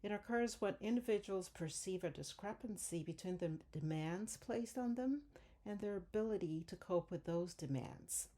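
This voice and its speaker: A middle-aged woman from Ghana, a dentist and coach presenting a webinar in a measured, deliberate way. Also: medium pitch, warm tone.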